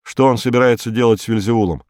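Man doing a gruff, curt police inspector. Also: mid-range voice, steady tone, quick pace, darkish tone, dry recording, studio quality, lightly acted. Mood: tense. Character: stern, tough male police inspector, middle-aged.

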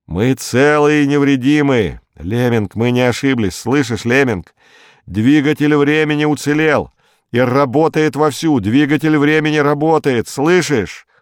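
A man reading a book aloud, voicing an excited male expedition leader shouting urgent orders over a radio link. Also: medium pitch, normal speed, dry recording, clean studio sound, natural voice. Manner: urgent, commanding, insistent.

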